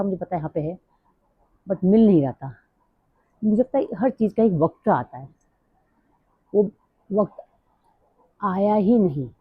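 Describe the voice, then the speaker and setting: A middle-aged woman talking fast and rambling in a casual personal vlog. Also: fairly low pitch, breathy edge, no echo. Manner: rambling, drifts off topic. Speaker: vlogger. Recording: dry, tinny phone-like sound.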